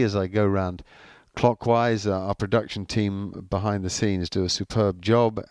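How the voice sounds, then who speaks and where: A man's voice: lowish voice, a little mellow, dry recording, clean studio sound. A man hosting a cricket radio broadcast, speaking in a presenter's sign-off style. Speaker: radio sports show host.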